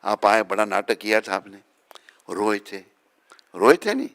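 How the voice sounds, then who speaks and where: Swami, male, low gravelly voice, chatty, teasing, informal talk with devotees. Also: big pitch swings, measured pace, a bit bright. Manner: teasing, chatty, keeps asking the listeners if he is right. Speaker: swami giving a morning talk.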